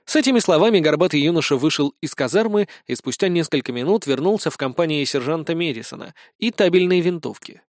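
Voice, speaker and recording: A man reading a humorous first-person audiobook with a wry, deadpan delivery on a close mic. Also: a little high, fast talker, few pauses, dry recording. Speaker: audiobook narrator.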